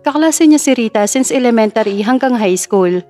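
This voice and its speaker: A woman narrating a dramatic story in a steady, emotive reading. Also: on the high side, normal speed. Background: faint background music.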